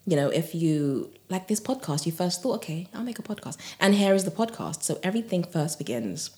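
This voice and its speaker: A woman guest on a podcast, a yoga teacher and author, talking in a gentle, soothing way with frequent laughs and soft breathy asides. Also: deep voice. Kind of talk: relaxed podcast conversation.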